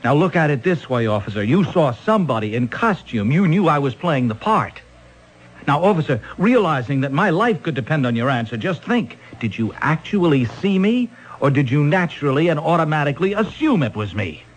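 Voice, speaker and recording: An actor playing a vain, theatrical stage actor under suspicion in an old-time radio mystery, articulate, pompous and persuasive. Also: male voice, fairly high pitch, very animated, brisk. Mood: smooth, persuasive.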